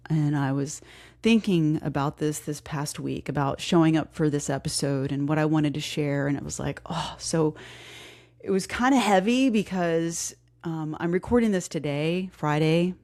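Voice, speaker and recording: Low-voiced woman podcast host, grieving, close to tears, candid and rambling. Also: moderate pace, a little mellow. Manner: candid, emotional, many fillers and restarts. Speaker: podcast host and fitness coach. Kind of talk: casual heartfelt podcast talk.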